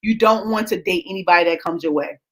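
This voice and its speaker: A woman in her late thirties hosting a live show, talking casually to her viewers, animated and laughing, calling them y'all. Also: fairly low pitch, quick pace, slight background noise. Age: late 30s. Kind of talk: casual livestream talk to viewers.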